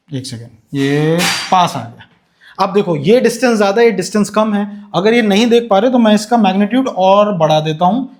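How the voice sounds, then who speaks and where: A young man teaching physics in a lecture, calling students "beta" and asking questions he then answers himself. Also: high-pitched. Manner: slows down to dictate notes in English. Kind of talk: classroom lecture with animation.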